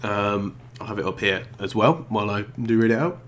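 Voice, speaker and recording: Speaking a little fast in a lowish, somewhat bright voice, this YouTube gaming host sounds congested from a cold. His vlog is casual and meandering, and he hesitates often, with plenty of ums and false starts.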